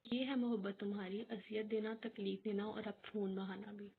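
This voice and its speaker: Brief: woman reading a wounded young woman, teary and sharp-tongued, gravelly, phone-thin sound. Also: medium pitch, little pitch movement. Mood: tearful. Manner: pleading, crying, sharp. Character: hurt young woman, tearful but defiant. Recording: tinny phone-like recording with faint hiss.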